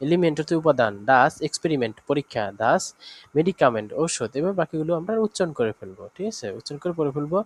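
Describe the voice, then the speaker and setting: A man teaching an online language lesson, running through word examples slowly with fillers and check-ins. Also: mid-range voice.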